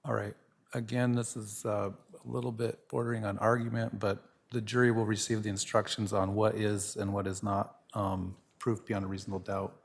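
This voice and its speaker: Low, gravelly male judge. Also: level tone, moderate pace. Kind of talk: courtroom instructions to a jury. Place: courtroom.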